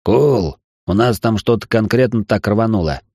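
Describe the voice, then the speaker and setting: A man's voice: on the low side, normal speed, gravelly, a little mellow, slightly rough, dry recording, clean studio sound. A man reading a blunt male gunner.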